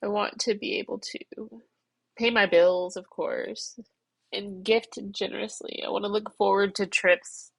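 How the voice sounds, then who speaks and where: Her voice mid-range, creaky, and husky, a middle-aged woman cries and rambles through her thoughts in a self-reflective personal vlog, congested as she processes things aloud. She keeps a steady tone and measured pace, and the rough recording has no room sound.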